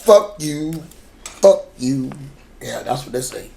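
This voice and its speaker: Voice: mid-range voice, animated, slow pace, vocal fry, a little mellow, slight background noise. A podcast co-host in casual chat who swears freely, talks in slang and repeats words while thinking.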